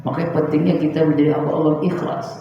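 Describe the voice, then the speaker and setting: A man preaching at a religious study session, telling stories with lively pleas acted out in a raised voice. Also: fairly high pitch, fast, vocal fry, a little hiss or hum. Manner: animated storytelling, acting out pleas in a raised voice. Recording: echoey hall, distant mic, dull sound.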